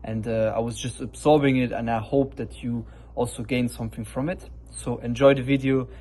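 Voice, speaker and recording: A man's voice: medium pitch, level tone, moderate pace, dark tone. A man hosting his own video, giving a casual, upbeat introduction. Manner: upbeat, casual, with a pirate-style sign-off. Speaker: host. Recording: faint background noise.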